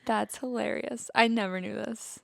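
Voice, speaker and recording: A woman's voice: fairly high pitch, fairly even intonation, normal speed, creaky, a bit bright, no room sound. A woman from the United States co-hosting a podcast in casual chat, teasing with dry quips. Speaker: podcast co-host.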